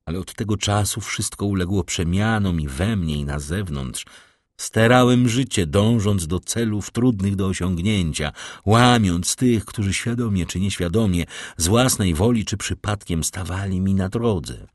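A man voicing a grave, tormented middle-aged prosecutor in an audiobook, speaking slowly and measuredly. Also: deep voice, a little mellow, dry recording, studio quality. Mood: brooding. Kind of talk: audiobook character reading.

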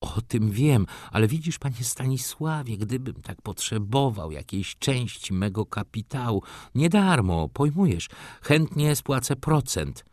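A man's voice: medium pitch, lively intonation, darkish tone, dry recording, clean studio sound, voice pushed up, lightly acted. A man voicing a fussy, flustered elderly aristocrat. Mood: wheedling. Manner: pleading, wheedling, slow and emotional.

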